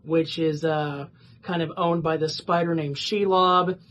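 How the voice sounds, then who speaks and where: A woman's voice: low voice, steady tone, unhurried, highs cut off, a little hiss or hum. A woman giving a casual, rambling plot summary for a book review, with lots of fillers and restarts.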